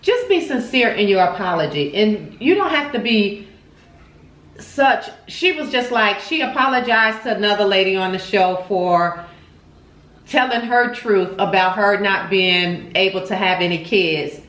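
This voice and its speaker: A woman's voice: medium pitch, expressive, a little slow, a bit bright. A woman hosting a casual mukbang, chatting expressively and repeating words for emphasis while chewing her food. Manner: chewing and eating while talking. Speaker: vlog host. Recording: roomy, echoey home recording.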